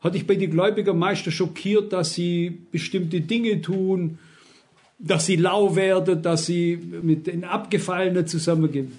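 A man's voice: sits high, steady tone, normal speed, a little mellow. A man in his sixties preaching a sermon, emphatic and constantly asking his listeners rhetorical questions.

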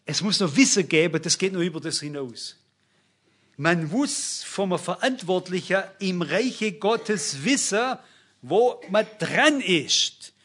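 A man's voice: high voice, animated, slow, a bit bright, slightly rough. An older man preaching a sermon, emphatic and speaking directly to his congregation.

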